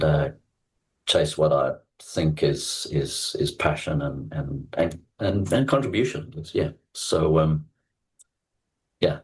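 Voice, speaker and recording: A man's voice: extremely low pitch, darkish tone, rough recording. A South African man in his fifties, an executive coach talking reflectively as a guest, with many fillers and restarts. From Zambia and Zimbabwe. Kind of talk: conversational interview.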